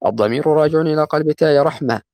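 A man reciting a classical grammar text in a lesson at a brisk, rushing pace, his voice gravelly with fry. He slows to chant the quoted verses. The sound is close and dry, with no room echo. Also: on the high side, darkish tone. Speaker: student reading a grammar text aloud.

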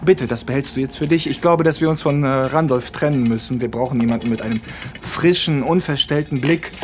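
A bossy NGO director. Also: female voice, extremely low pitch, noisy background. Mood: confiding. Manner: bossy, lively, shifting fast. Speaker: NGO head.

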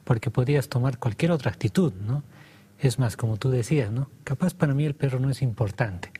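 Mellow, husky man hosting a discussion. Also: mid-range voice, brisk. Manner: affirming, asks questions. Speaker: host. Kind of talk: casual discussion.

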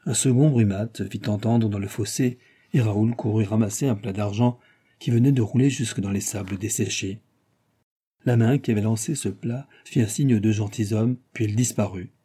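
A man reads a novel aloud in a dark, mellow voice with a husky edge. His narration is lively, and he lifts his voice sharply whenever characters shout. The tone stays low and warm throughout. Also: moderate pace. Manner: lively reading, raising his voice for shouted lines. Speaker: audiobook reader. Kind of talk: scripted narration.

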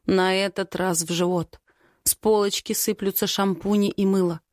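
A woman narrates a first-person story with dramatic, expressive delivery. Her voice sits at a middle pitch, and the recording is close and dry, with no room echo. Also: normal speed. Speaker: audiobook narrator.

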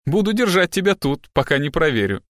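A male audiobook reader playing a gruff private detective who talks in a blunt, growling, threatening way. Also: on the high side, very animated, a little fast, fairly bright tone, dry recording, clean studio sound, voice pushed up. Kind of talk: audiobook character reading.

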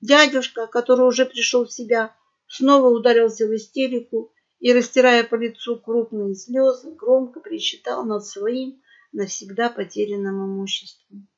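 A woman narrating a storybook in a lively, dramatic way, on a dull lo-fi recording. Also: on the high side, moderate pace. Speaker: audiobook narrator.

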